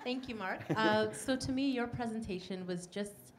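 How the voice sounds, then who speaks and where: A woman's voice: on the high side, normal speed, heavy background noise. A woman in a live audience politely asking a speaker a question.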